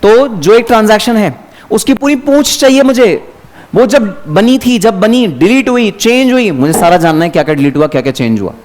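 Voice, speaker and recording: Man, revision lecture, chatty teacher, slightly high voice. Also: normal speed, slight background noise. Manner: lively, chatty, addresses students by name, mixes English terms. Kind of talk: exam revision lecture to students.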